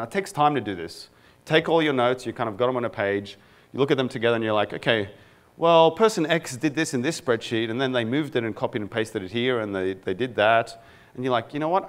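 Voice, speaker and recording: With a mid-range voice, a man from Egypt who works as a product manager delivers a casual conference talk to a live audience. His speech is full of fillers and self-mocking asides.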